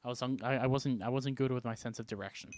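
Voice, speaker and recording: A man from Canada telling a story in a casual vlog, animated, jumping between loud bursts and hushed asides. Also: medium pitch, fast talker, slight background noise. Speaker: vlogger.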